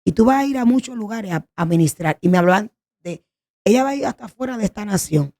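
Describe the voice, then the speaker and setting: A woman tells her personal testimony in an earnest, pleading way. Her voice has a gravelly fry. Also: medium pitch, animated, quick pace, dark tone. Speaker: guest sharing a testimony.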